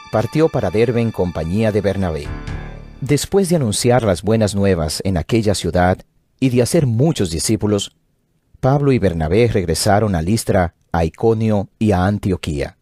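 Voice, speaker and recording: A man narrates the Bible from a script in a solemn style. His voice is low. Soft music runs underneath. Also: slightly rough, dry recording.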